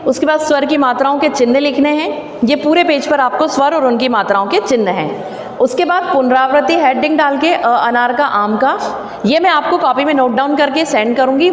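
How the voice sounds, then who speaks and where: A woman teacher talks through a lesson, stopping often to quiz her pupils. Her voice sits high and rings through a room with a long reverb tail. A faint hiss runs behind her. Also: lively intonation, normal speed. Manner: patient, explains step by step and quizzes the pupils. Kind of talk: online classroom lesson.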